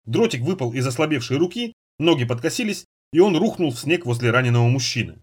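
Expressive husky male audiobook narrator. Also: mid-range voice, fast talker. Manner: expressive storytelling. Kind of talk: scripted narration.

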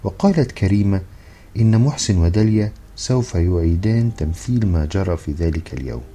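A man narrating a humorous book in a dry, measured storytelling manner. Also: sits low, lively intonation, warm tone, slight background noise. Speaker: audiobook narrator.

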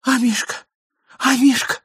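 A man voicing a frightened, hysterical lady who shrieks and calls out in a high voice. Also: flat delivery, unhurried, a bit bright, husky, no echo, studio quality, heavily acted.

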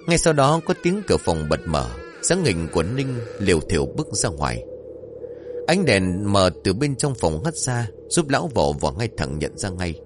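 A man narrating a story in an expressive, dramatic way, with faint music behind. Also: lowish voice, moderate pace.

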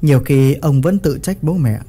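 A man's voice: on the high side, normal speed, mellow, husky. A man narrating a village story in a vivid, earthy storytelling manner.

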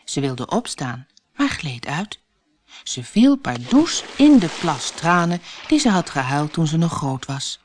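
Lively Dutch woman reading a storybook. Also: sits low, unhurried, slight background noise. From Netherlands. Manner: lively, expressive narration.

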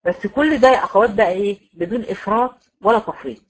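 An Egyptian woman gives a tajweed lesson to her students. She explains each point step by step, keeps checking with short questions, and stretches out example words very slowly so they can follow. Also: medium pitch, poor audio. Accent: Egyptian Arabic. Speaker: Quran recitation teacher. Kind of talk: online tajweed lecture.

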